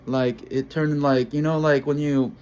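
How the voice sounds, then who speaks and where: Halting, rambling male vlogger. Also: a little high, fairly even intonation, a little mellow, clean tone. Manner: halting and rambling, searching for words. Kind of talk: casual monologue to camera.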